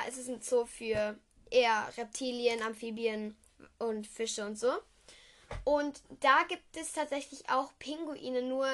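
Teen girl, from Düsseldorf, high bright voice, chatty rambling, casual podcast, home mic. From Düsseldorf, Germany. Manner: chatty and rambling, self-correcting, giggly asides. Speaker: podcast host. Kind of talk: casual solo film-review podcast.

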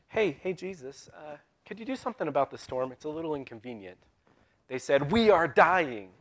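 A man preaching a live sermon in a church in a conversational way, with wry asides, swinging between loud emphasis and hushed tones. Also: fairly high pitch. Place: church sanctuary.

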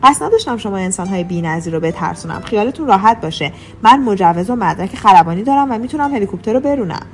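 A woman's voice: medium pitch, lively intonation, lightly acted. Woman reading as a friendly wealthy male mentor. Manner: friendly, lecturing tone. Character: wealthy, friendly older male mentor who flies a helicopter. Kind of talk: audiobook character reading.

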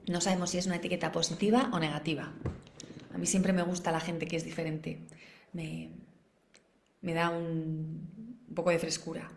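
Educadora de crianza española, tono de preguntas retóricas al público, sonido con mucha reverberación. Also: female voice, fairly low pitch, level tone, normal speed, creaky, pauses often, darkish tone. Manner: asks the audience many rhetorical questions. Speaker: parenting educator. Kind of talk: live online masterclass. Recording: roomy echo.

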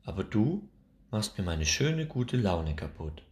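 A man's voice: on the low side, sing-song, measured pace, darkish tone, pitched above the performer's own voice. Man doing a fussy motherly sheep. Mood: fussing. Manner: scolding, caring. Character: gentle motherly female sheep baker, fussy.

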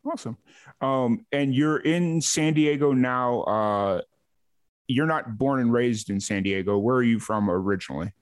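A man from the south side of Chicago hosting a podcast, relaxed and casual, with lots of uh and you know. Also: mid-range voice, measured pace. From south side of Chicago, USA. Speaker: podcast host. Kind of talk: casual interview chat.

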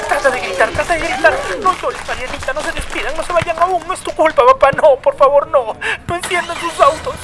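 An actor plays a young boy in a radio drama. He is wounded and resentful, and he talks of being forgotten with a heavy, brooding edge. His voice sits at an ordinary middle pitch. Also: animated, moderate pace, crowd noise, lightly acted. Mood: desperate. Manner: resentful, then pleading and desperate. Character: bitter young boy plotting to die.

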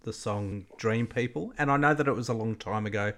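A man's voice: lowish voice, brisk, a bit bright. Man, podcast host, long winding questions, casual interview.

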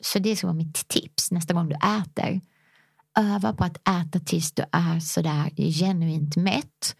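A woman yoga teacher and coach in a casual podcast conversation, telling stories animatedly and acting out quoted voices, at times guiding slow breathing exercises. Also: lowish voice, steady tone, creaky, slightly rough, dry recording, clean studio sound.

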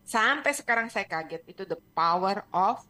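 A middle-aged woman, a parenting coach, telling a personal story on a radio talk show in a lively way, dropping English phrases. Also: medium pitch, normal speed, soft background music. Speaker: parenting and emotion coach, guest.

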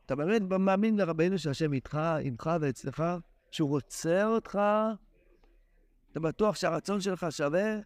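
A man voicing a sly serpent who needles the listener with rapid questions meant to sow doubt. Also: a little high, a little mellow, dry recording, natural voice. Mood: needling. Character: insinuating serpent sowing doubt, sly and probing.

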